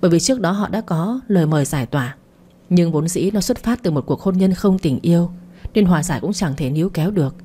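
A woman narrating a novel in a slow, soft, even reading. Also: fairly low pitch, slightly rough. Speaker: story narrator. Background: faint music.

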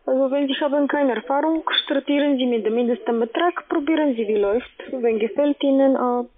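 Speaking briskly in a high voice, this woman handles a sales call as a call centre agent, and her grammar marks her as a non-native speaker. The call comes through a telephone with narrow, tinny sound.

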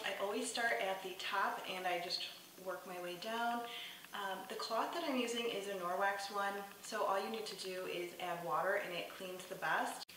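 A woman in her thirties talks in a loose, rambling way, filling her sentences with "like" and "um". Her voice is bright and forward. She sounds a little far from the microphone, in a very echoey home kitchen with a faint hiss behind her. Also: medium pitch. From New York state. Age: 30s. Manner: chatty, rambling, lots of "like" and "um". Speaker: lifestyle vlogger. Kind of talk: casual clean-with-me voice-over. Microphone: far camera.

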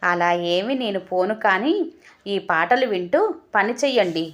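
A woman's voice: medium pitch, unhurried, a bit bright, close to an everyday voice. A woman voicing a coaxing, innocently teasing wife in an audio story. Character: sweet-talking, teasing young wife.

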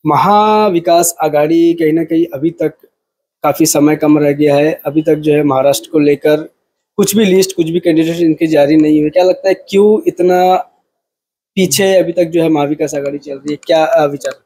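Husky mellow-voiced news reporter. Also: male voice, fairly high pitch, steady tone, normal speed. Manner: long winding questions with fillers. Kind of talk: news interview questions.

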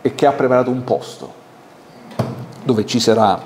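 A man with an Italian accent preaching a sermon in a lively, conversational way, asking the congregation questions. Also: mid-range voice, moderate pace. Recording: echoey church hall with faint background noise.

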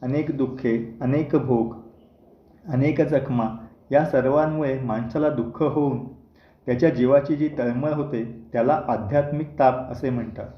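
A man's voice: mid-range voice, measured pace. Man reading a long list steadily. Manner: plain even reading, item after item. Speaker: reader of a devotional text translation. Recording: dull roomy home recording.

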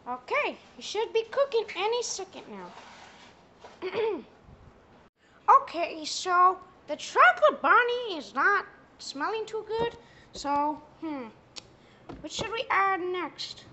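A bumbling, foul-mouthed cartoon mouse, voiced by a young man fumbles through a cooking skit. The voice is very high and squeaky and moves up and down a lot. It comes from a noisy home video. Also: very animated, slow pace, long pauses, sharp tone, full character voice. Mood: goofy. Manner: high squeaky put-on voice, swearing, drawling. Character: Mickey Mouse as a crude young cook, male. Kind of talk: comedy skit with a plush toy.

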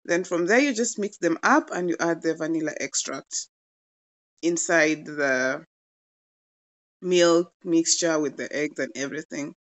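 A woman's voice: low-pitched, measured pace, highs cut off. A young woman in her twenties chatting casually as she narrates a home cooking demo, playful and gushing about the food. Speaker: cooking vlogger.

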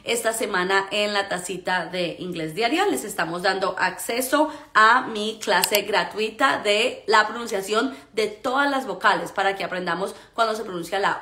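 A woman teaching English pronunciation in a lively way, often checking in with "ok?". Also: mid-range voice, echoey room. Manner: animated, repeats "¿ok?" to check understanding. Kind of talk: pronunciation lesson.

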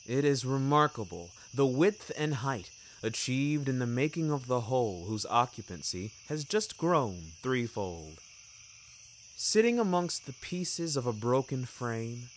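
A man narrates scripted audio fiction in a wordy, wry, theatrical manner, lingering deliberately over phrases. His voice is medium-pitched, with music behind him and a little hiss or hum in the audio.

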